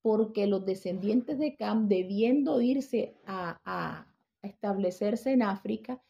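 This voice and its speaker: Gravelly woman teaching the Bible. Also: medium pitch, slow pace, dark tone. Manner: checks in with listeners, frequent restarts. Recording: dull lo-fi recording.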